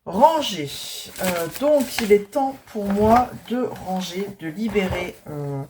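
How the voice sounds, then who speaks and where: A woman's voice: medium pitch, animated, slow, noisy background. A woman with a northern French accent, a craft vlogger chatting casually and rambling with many hesitations while she tidies. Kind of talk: casual chat while tidying.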